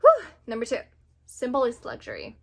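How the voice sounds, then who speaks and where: Young woman vlogger from indonesia, casual chatty talk, kinda high voice, laughs a lot. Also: moderate pace, gravelly. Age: 20s. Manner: chatty, animated, laughs often. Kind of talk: casual chat to camera.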